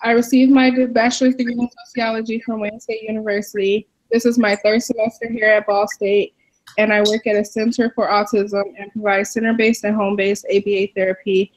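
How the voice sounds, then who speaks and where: A woman's voice: a little high, flat delivery, brisk, poor audio. A woman in her twenties opening a class presentation and introducing herself matter-of-factly on a video call. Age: 20s. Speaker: student presenter. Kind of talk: self-introduction.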